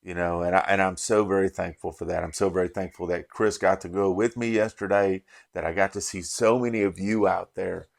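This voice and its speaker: A man's voice: low-pitched, fairly even intonation, a little fast, creaky, hardly any pauses. A middle-aged man from Las Vegas hosting a bourbon channel, recapping an event in a rambling, heartfelt way that often restarts his sentences. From Las Vegas, USA. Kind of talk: casual vlog recap.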